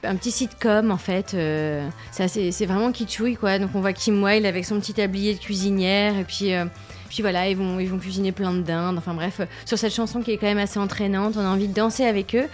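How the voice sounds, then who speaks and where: A woman's voice: mid-range voice, fairly even intonation, brisk, faint music behind. Chatty woman radio contributor. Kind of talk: casual on-air chat.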